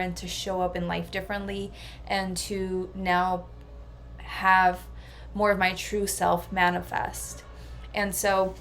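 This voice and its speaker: In a relaxed vlog, a personal transformation coach talks through her thoughts in an earnest, reflective manner with an even delivery. She has a lowish voice, and there's slight background noise.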